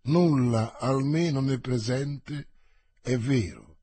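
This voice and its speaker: A man's voice: mid-range voice, slow pace, dark tone, breathy edge, no echo. A man voicing a grave, solemn nobleman. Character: grave, melancholy older male nobleman. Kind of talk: audiobook reading.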